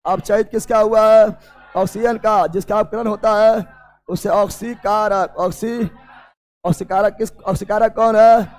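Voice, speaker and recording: A male teacher running a chemistry class, firing the same questions again and again and often shouting or half-singing. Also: high-pitched, fairly even intonation, unhurried. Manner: loud drilling questions, often shouting and sing-song. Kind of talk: classroom chemistry lesson with call-and-response.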